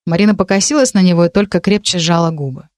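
A woman narrating a fantasy novel for an audiobook in an even storytelling manner. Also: fairly low pitch, quick pace, no room sound, studio quality.

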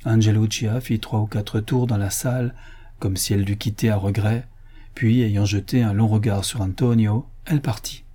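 Mellow, husky male audiobook narrator. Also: on the low side. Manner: measured, even reading.

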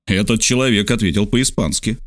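A man's voice: lowish voice, a little fast, no room sound, studio quality, natural voice. A man voicing an earnest nobleman who speaks firmly and reasonably. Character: earnest Scottish lord, man. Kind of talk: audiobook character voice.

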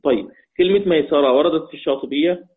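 A man with an Egyptian Arabic accent teaching the Quranic readings, repeating each point slowly and chanting verses in a drawn-out way. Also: on the high side. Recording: tinny phone-like audio.

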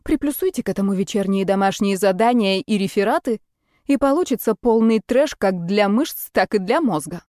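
A woman's voice: mid-range voice, animated, moderate pace, dark tone, no echo, studio quality. A woman reading a first-person story as an audiobook, with a wry, conversational manner. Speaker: narrator.

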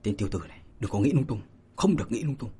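A man voicing a quick-witted, reckless young male swordsman who speaks in urgent, pleading bursts. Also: mid-range voice, lively intonation, slightly rough. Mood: low muttering.

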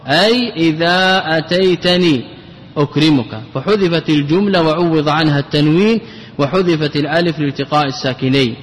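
A male scholar teaching a grammar lesson, explaining step by step, repeating himself and slowing down to recite quoted examples. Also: on the high side. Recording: long hall reverb.

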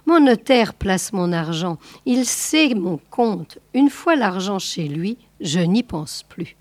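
A woman voicing a modest, thrifty male painter who answers plainly and calmly. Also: medium pitch, takes it slowly, no room sound.

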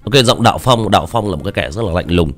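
Man talking about how he voices his stories, low voice, goes up and down a lot, lots of uh. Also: lively intonation, quick pace. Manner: chatty, hesitant, many fillers. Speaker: audiobook narrator. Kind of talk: casual chat about voice acting.

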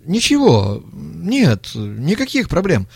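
A jittery young thug, his voice pitched up and wavering, as a male narrator plays him. He blurts out boasts and excuses in a storybook reading. The sound is dry and close. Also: takes it slowly, creaky, husky, no echo, heavily acted. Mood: nervous. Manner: high-pitched, excitable, stammering excuses.

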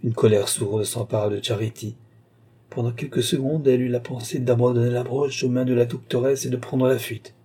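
Husky, dark-voiced male narrator. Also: medium pitch. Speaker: audiobook narrator. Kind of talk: scripted literary narration.

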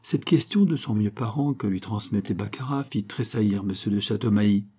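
A man giving a calm, measured audiobook narration of a classic novel. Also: lowish voice, husky. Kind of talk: scripted narration.

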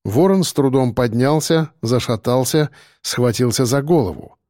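Brief: male narrator, mellow dark voice, steady and tense, dry close mic. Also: medium pitch, normal speed, no room sound. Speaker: audiobook narrator. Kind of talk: first-person audiobook narration.

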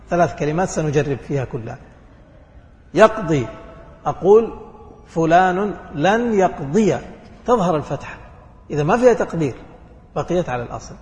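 A man's voice: a little high, a little mellow, big-room sound. A man teaching a grammar lesson, asking questions and answering them himself. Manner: asks questions then answers them, checks understanding. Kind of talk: classroom lesson.

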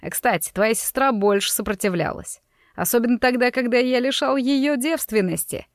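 A woman's voice: a little high, normal speed, no echo, lightly acted. A woman voicing a cruel, mocking young male mobster who threatens and taunts in a sinister tone, read in a dry, close audiobook sound. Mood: taunting.

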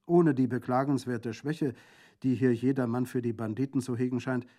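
A man reading the part of a stern young gentleman who lectures and reproaches his sister. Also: mid-range voice, steady tone, normal speed, lightly acted. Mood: reproachful. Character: stern disapproving young gentleman, her brother.

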